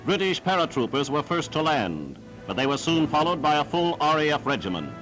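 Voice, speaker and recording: 1940s newsreel man, higher-pitched, over music. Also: very animated, a little fast, rough recording. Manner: formal, declamatory. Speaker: newsreel narrator. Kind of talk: 1940s newsreel narration, scripted.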